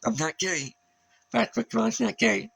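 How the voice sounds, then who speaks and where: A man's voice: high voice, animated, measured pace, vocal fry, fairly bright tone, slightly rough, low-quality recording. A man talking alone in a disjointed monologue, jumping between words and lists. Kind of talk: solo rambling monologue.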